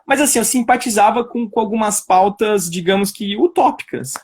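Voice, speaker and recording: Young man, são paulo accent, fairly high voice, chatty, laughs a lot, video call. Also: normal speed, slightly rough. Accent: Paulistano Brazilian Portuguese. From Brazil, São Paulo. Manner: chatty, laughs often, trails off in restarts. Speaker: guest, political pre-candidate. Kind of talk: casual live-stream interview.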